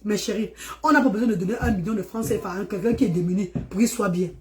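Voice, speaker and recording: A woman's voice: medium pitch, very fast, darkish tone, a little hiss or hum. A middle-aged woman from Central Africa, hosting a live stream and talking to her viewers in an affectionate, preachy way, urging them on with lots of repetition.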